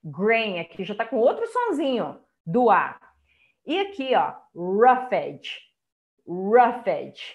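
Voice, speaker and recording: A woman's voice: fairly high pitch, huge pitch swings, measured pace, highs cut off. A Brazilian Portuguese-speaking woman giving an online lecture as an English teacher, explaining step by step and checking in with listeners. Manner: explanatory, chatty, many checking tags like "tá?" and "ó".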